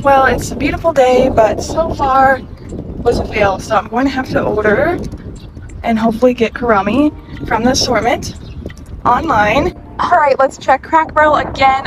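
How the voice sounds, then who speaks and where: A woman's voice: high-pitched, moderate pace, over music. Gushing young woman in a store. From California. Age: 20s. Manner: gushing, excitable, chatty. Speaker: vlogger. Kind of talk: casual shopping vlog narration. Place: in stores with background music, holding a phone. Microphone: phone camera.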